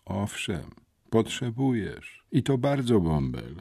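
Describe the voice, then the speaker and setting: A man reading an audiobook, voicing a hoarse, embarrassed teenage boy who calmly delivers gang threats. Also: on the low side, a little slow, dry recording, studio quality, voice pushed up, exaggerated voice. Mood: calmly menacing. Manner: calm, smoothly menacing. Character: hoarse, sly teenage schoolboy racketeer messenger.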